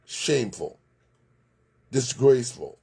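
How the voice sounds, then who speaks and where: A man's voice: mid-range voice, expressive, takes it slowly, a little mellow, breathy edge. A man hosting a local sports recap, chatting casually, giving blunt opinions and greeting viewers by name. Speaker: sports show host. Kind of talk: casual live sports commentary.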